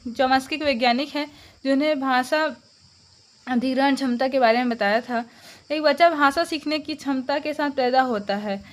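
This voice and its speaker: A young woman teaching an exam-prep lesson, reading out definitions and then restating them simply. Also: high-pitched. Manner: explains terms slowly, repeating them.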